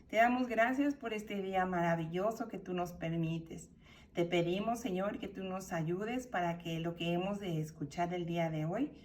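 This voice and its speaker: A woman's voice: lowish voice, distant mic, slight background noise. A woman with a Mexican accent teaching a children's Sunday school lesson, telling a story and acting out the characters' cries. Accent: Mexican Spanish. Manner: animated, acts out the characters' cries.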